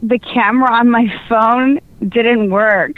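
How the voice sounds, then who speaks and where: Woman, radio caller. Higher-pitched, chatty, girlish rambler on a somewhat dull phone line. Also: fairly even intonation, slow, no room sound. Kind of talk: casual chat. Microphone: phone call into studio. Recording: dull, band-limited call-in line.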